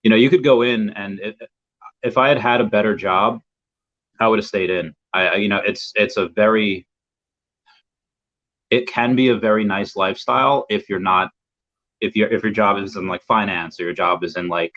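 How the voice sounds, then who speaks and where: Here a young American guest in a casual video-call chat speaks at normal speed, his voice on the low side with a fairly bright tone. He repeats words and rambles while feeling for his point. The recording sounds dull and lo-fi.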